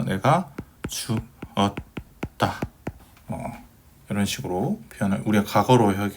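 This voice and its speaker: In a recorded Hebrew grammar lecture, a man with a lowish, gravelly, slightly mellow voice patiently poses questions and answers them himself, using lots of fillers. There is slight background noise.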